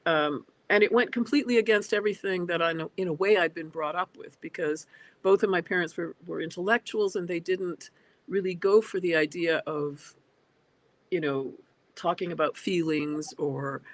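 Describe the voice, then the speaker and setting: Woman in her 60s on a video call. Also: fairly low pitch. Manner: thoughtful, with frequent hesitant fillers. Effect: heard over a video call. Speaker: guest. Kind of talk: reflective interview talk. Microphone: computer on a video call.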